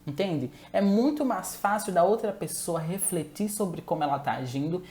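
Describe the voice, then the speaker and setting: A woman's voice: on the low side, animated, moderate pace, dark tone. A woman giving a chatty live-streamed talk on relationships, asking viewers to answer and often correcting herself mid-sentence.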